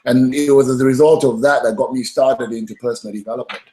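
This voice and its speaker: A man's voice: mid-range voice, fast talker, poor audio. A middle-aged man speaks as an interview guest in a middle-range voice. He tells his story with energy and animation, and often acts out what other people said to him. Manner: animated, acts out quoted dialogue.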